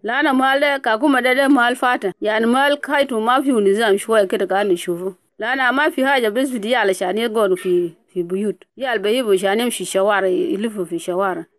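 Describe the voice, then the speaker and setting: Quick-talking South Sudanese mother. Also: a little high, no echo. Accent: South Sudanese Arabic. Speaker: interviewee, refugee mother. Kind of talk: casual conversational testimony.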